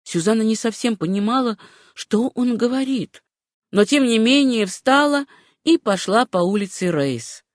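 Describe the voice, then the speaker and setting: Woman narrating a novel in a measured, unhurried way. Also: on the high side, animated, dry recording, studio quality. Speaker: audiobook narrator.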